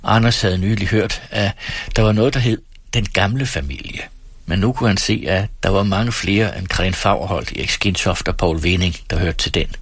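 A man reads an audiobook in a low, husky voice at a steady, measured pace. The recording is dry and close, with no room sound around it. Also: no room sound. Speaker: audiobook reader. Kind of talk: audiobook narration.

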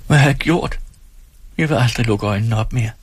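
A man with a very breathy, husky voice reads a dramatic literary monologue aloud in the first person, as a woman's racing thoughts. The sound is dry and close, with no room around it, and his laughs come out high and breathy. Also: dry recording. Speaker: audiobook reader.

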